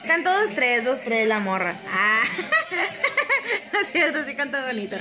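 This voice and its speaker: High-voiced Mexican woman chatting at home. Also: measured pace, music in the background. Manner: chatty and lively, talking to her followers. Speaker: vlogger and mother. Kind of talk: casual vlog chat.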